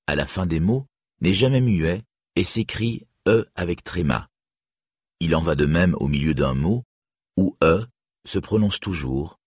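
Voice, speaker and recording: Deep, slow, husky male narrator. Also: a little mellow, no room sound, clean studio sound. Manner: careful, deliberate enunciation of names and sounds. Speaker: audiobook narrator. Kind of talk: measured audiobook reading.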